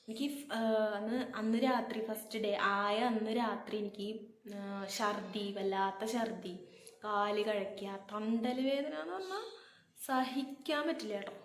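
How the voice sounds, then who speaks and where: A woman's voice: mid-range voice, unhurried. A young woman vlogger, telling a personal story casually and acting out the dialogue. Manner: animated, acts out dialogue. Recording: echoey room with faint noise.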